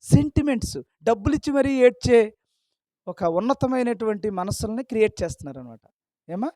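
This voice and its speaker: A man's voice: extremely high pitch, expressive, fairly quick, mellow, dry recording, clean studio sound. A man preaching a sermon, scolding his listeners with a stream of rhetorical questions.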